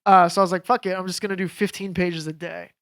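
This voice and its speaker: A man in his thirties, a guest on a podcast, telling casual stories in a rambling, animated way with lots of fillers. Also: high-pitched, fast, vocal fry, smooth. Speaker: podcast guest, jiu jitsu coach. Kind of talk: casual storytelling chat.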